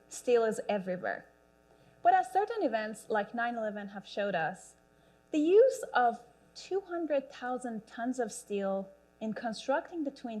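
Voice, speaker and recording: A woman delivers a rehearsed short talk, measured and deliberate. Her voice is slightly high. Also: darkish tone. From Iran. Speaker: competitor giving a talk.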